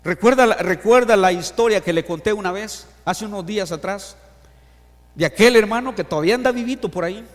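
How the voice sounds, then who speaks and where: Animated middle-aged pastor in a reverberant church. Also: male voice, sits high, fairly quick. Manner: animated, acts out Bible quotes and stories, asks the congregation questions. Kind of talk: sermon. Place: church sanctuary. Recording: long church hall reverb.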